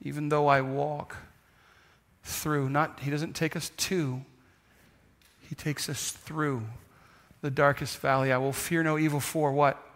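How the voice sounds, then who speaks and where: Guy preacher, forceful high voice, chatty sermon style, hammers points by repeating them. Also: little pitch movement, a little slow. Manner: emphatic, repeats phrases for effect. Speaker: pastor preaching to a congregation. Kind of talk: conversational sermon.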